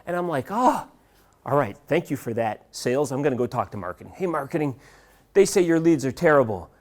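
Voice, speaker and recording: A middle-aged man giving a live seminar talk, telling a story in an animated way and acting out what his colleagues said. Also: a little high, fairly quick. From United States. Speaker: seminar speaker.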